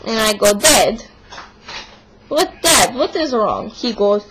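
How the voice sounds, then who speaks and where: Woman putting on a Russian accent, stubborn meatloaf-obsessed young woman, broken English, higher voice, hissy recording. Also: sing-song, takes it slowly. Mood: indignant. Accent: put-on Russian accent. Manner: broken English, dropped articles, exaggerated complaining. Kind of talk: comic monologue in character. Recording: noisy home video recording.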